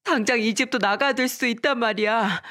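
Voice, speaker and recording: A woman's voice: on the high side, a little fast, a bit bright, voice pushed up, natural voice. A woman voicing a despairing young mother who talks in a weary, tearful, pleading way.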